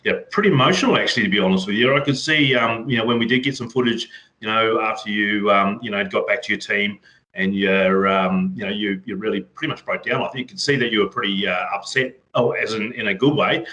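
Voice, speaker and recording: Bright-voiced male interviewer, rambling. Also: lowish voice, fast talker, poor audio. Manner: rambling, full of "you know" fillers. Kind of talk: casual interview.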